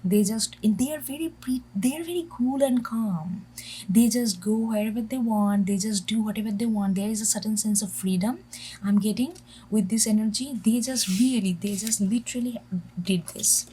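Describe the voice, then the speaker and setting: Breathy, hushed woman giving a tarot reading. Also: on the high side, low-quality recording. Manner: halting, with many restarts and soft half-whispered phrases. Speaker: tarot reader. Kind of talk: intuitive tarot reading to camera.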